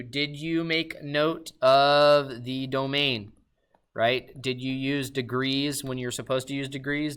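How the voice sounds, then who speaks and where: A man giving a recorded math lesson, upbeat and talking straight to his students with quick questions. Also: mid-range voice, bright, forceful tone. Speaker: math teacher.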